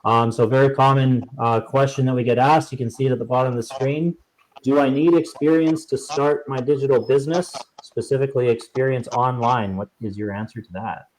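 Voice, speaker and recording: A man's voice: medium pitch, steady tone, a little fast, a little mellow, slight background noise, poor audio. Man hosting a live video panel. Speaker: host.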